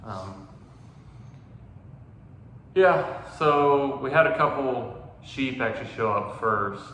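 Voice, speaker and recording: A man's voice: medium pitch, slow, fairly bright tone. A young man hosting a podcast, telling a hunting story in casual chat, rambling with many fillers. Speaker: podcast host. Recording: echoey room with long reverb, faint noise.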